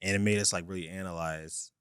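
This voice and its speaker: A man co-hosting a podcast in a laid-back casual conversation, musing slowly with lots of fillers. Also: low-pitched, steady tone, a bit bright, smooth, no room sound, clean studio sound. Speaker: podcast co-host.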